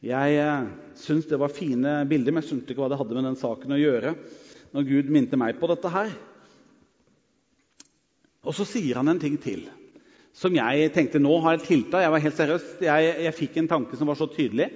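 A middle-aged man preaching a sermon, telling a personal story that swings between lively and hushed. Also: a little high. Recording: dull sound with long hall reverb.

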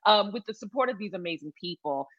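A middle-aged Michigan salon founder, animated and quick, gives advice in a conversational interview, repeating key phrases emphatically. Her medium-pitched voice is husky and a bit bright. There's no echo, but the highs are cut off.

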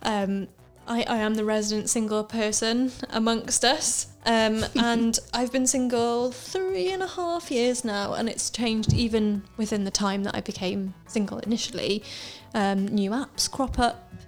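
A woman's voice: fairly high pitch, fairly even intonation, a little slow, few pauses, faint music behind. A woman in her twenties hosting a podcast in casual, chatty talk, laughing easily and using lots of fillers. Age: 20s. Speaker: podcast host. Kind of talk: casual chat.

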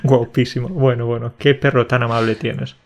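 A man from co-hosting a casual podcast for language learners, joking and talking slowly and carefully. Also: medium pitch, level tone, slight background noise. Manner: joking, slow and carefully articulated. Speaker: podcast co-host.

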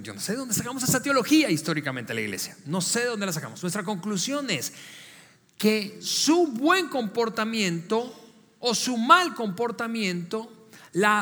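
High-voiced man preaching in a reverberant hall. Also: sharp tone. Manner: conversational, asks the congregation direct questions; frequent restarts and repeated words. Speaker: pastor. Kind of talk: sermon.

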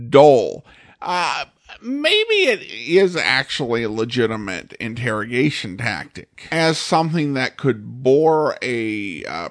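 American male podcast host, animated melody, stop-and-start commentary, dry recording. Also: mid-range voice, no echo. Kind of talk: conversational radio-show commentary.

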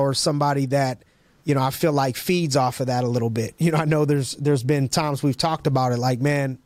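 A man's voice: mid-range voice, darkish tone, no echo. A man hosting a casual podcast interview, talking in hyped, rambling bursts with many restarts and slang. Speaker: podcast host.

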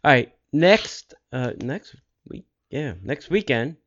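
A man hosting a podcast, making casual announcements in a halting way and repeating details for listeners. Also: mid-range voice, animated, a bit bright, lo-fi sound. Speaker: podcast host.

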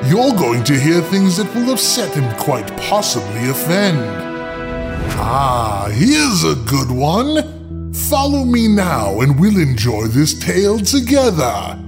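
Over music, a man with a slightly high voice and wildly swooping pitch plays a sinister librarian hosting a scripted horror podcast. His heavily acted delivery is theatrical and gloating, with drawn-out words and sly chuckles.

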